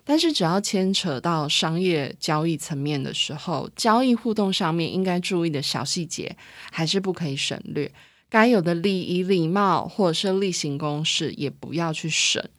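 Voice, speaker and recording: A Taiwanese woman chats alone as a podcast host, thinking things through as she explains. Her voice sits on the low side and comes through a face mask, so it is slightly muffled with audible, slightly winded breathing. The sound is very dry and close to the microphone. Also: animated, normal speed, dry recording. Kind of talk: casual solo podcast monologue.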